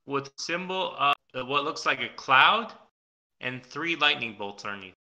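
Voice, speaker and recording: A man narrating as game master in an online tabletop game, pausing often to look up details. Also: fairly high pitch, animated, pushed and bright, roomy sound, highs cut off. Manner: halting, looks things up mid-narration.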